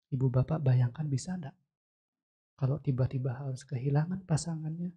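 Husky monk telling a sermon story. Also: male voice, medium pitch, warm tone. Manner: storytelling, asks the congregation questions directly. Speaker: Buddhist monk. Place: temple hall. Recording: dull lo-fi sound.

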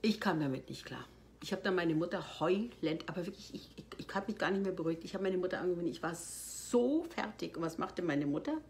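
A woman, an actress, telling behind-the-scenes anecdotes in an animated way, jumping from loud bursts to hushed, almost whispered asides. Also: fairly low pitch, fairly quick, a little hiss or hum. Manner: expressive, swings from loud outbursts to hushed near-whispers.

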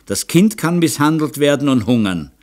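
A man reading an audiobook voices a reserved middle-aged male artist who speaks hard and measured. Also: on the high side, big pitch swings, darkish tone, voice pushed up. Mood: bitter.

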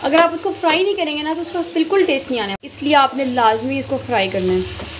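Lady, high voice, chatty kitchen vlog, pan sizzling loud in the background. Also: fast talker, noisy background. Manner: chatty, talks straight to viewers. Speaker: home cooking vlogger. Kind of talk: casual cooking instructions. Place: home kitchen, indoors. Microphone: phone held in hand. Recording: loud frying sizzle behind. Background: frying and stirring sounds.

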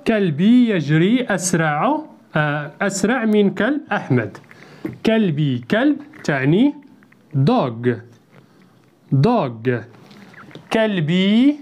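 An English teacher giving a bilingual grammar lesson, talking slowly and deliberately and repeating each word for the learner to drill. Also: medium pitch, a little mellow.

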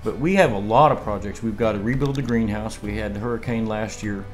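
This lowish, brisk male voice belongs to a homesteading vlogger in his fifties, filmed by a camera opposite him at his indoor dining table. Soft music runs in the background of the low-quality recording. Chatting casually, he spins meandering stories full of laughs and restarts.

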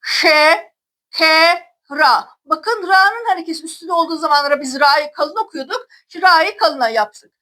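A young woman teaching children to read Arabic letters, sounding out syllables slowly one at a time and addressing her pupils directly. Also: extremely high pitch, expressive, bright, forceful tone, rough recording. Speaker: Quran reading teacher.

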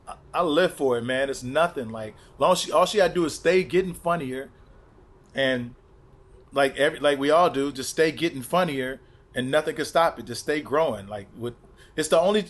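A male stand-up comedian from Chicago chatting on a podcast, telling road stories and acting out crowd voices. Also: on the high side. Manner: animated storyteller, acts out crowd voices. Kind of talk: casual podcast chat.

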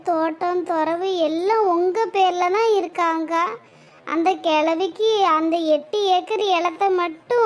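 High-pitched woman doing a squeaky cartoon voice. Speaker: cartoon narrator and voice of the village women. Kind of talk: cartoon voice acting.

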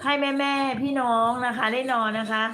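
A woman with a bright, forceful voice that sits a little high, speaking Thai with a Southern lilt blended with Bangkok speech. She chats casually with her fans on a late-night livestream from a room, and she is talkative, blunt and coarse-tongued. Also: steady tone, normal speed, a little hiss or hum. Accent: Southern Thai mixed with Bangkok Thai. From Nakhon Si Thammarat, southern Thailand. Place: indoors in a room.

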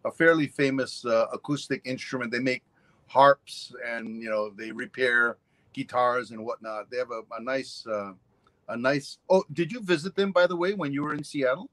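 Here the Hawaiian ukulele teacher, a man in his sixties, talks at a moderate pace in a mid-range voice with fairly even intonation and a fairly bright, dry sound. It's a casual interview chat on a video call from a home room, captured by webcam, and he meanders through asides and fillers.

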